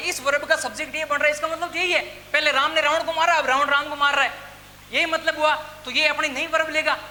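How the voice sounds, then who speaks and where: A man's voice: very high-pitched, bright, forceful tone. A male teacher with a Rajasthani Hindi accent gives a classroom grammar lecture, asking questions and answering them himself and calling his listeners brother. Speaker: English teacher. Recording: echoey room with faint background noise.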